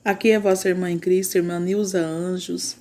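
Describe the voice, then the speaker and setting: A woman's voice: on the low side, level tone, normal speed, darkish tone. A woman with a Brazilian Portuguese accent gives a fervent religious testimony of a prophetic vision and reads scripture aloud. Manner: fervent, repeats "igreja" and "louvado seja Deus". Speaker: church sister sharing a prophetic vision.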